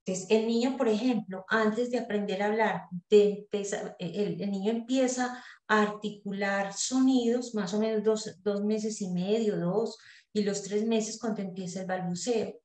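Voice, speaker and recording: Roomy-sounding woman explaining slowly. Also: mid-range voice, steady tone, darkish tone. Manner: deliberate, hesitant, with frequent "eh" pauses and rhetorical checks. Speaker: study group leader. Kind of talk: explanatory teaching in a study group. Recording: roomy echo.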